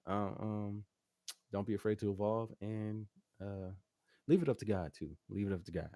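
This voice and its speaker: In a dry recording with no room sound, a man with a lowish, warm voice speaks at a moderate pace. He's a guest music artist being interviewed, talking casually in a slangy, rambling way and often saying "you know what I'm saying" to check the listener follows.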